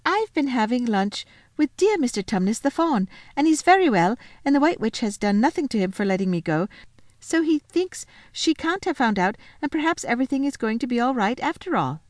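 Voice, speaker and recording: Woman doing a high, gushing little girl. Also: a little fast, dry recording. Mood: excited. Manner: breathless excitement, gushing. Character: eager, excited little girl.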